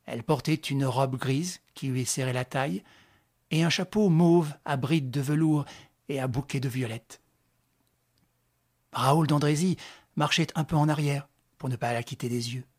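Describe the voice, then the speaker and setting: A reader narrates a classic novel in an even, measured way. The voice is husky and sits at a middle pitch. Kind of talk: audiobook narration.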